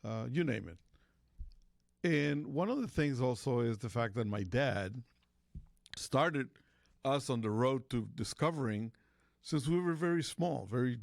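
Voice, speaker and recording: A man's voice: mid-range voice, vocal fry, dry recording, clean studio sound. A man from Costa Rica hosting a talk radio show, rambling in casual chat with lots of fillers and restarts.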